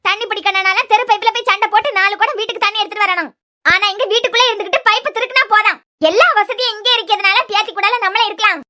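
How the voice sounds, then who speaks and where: Woman playing a scolding aunt in a cartoon, Kanyakumari Tamil, rapid and lecturing, very high bright tone. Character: sharp-tongued scolding aunt, middle-aged woman. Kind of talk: cartoon serial voice acting.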